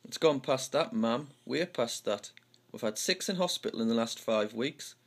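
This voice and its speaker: Reading play lines as an amateur, a man from the Houghton-le-Spring area of North East England speaks in its pitmatic accent. His medium-pitched voice has lively intonation, a moderate pace and some vocal fry.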